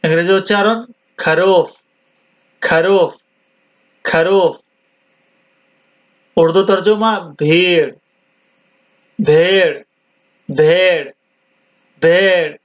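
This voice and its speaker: A man teaching vocabulary, deliberately repeating each word several times. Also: high voice, steady tone. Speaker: language teacher. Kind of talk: slow vocabulary drill. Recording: dull lo-fi sound.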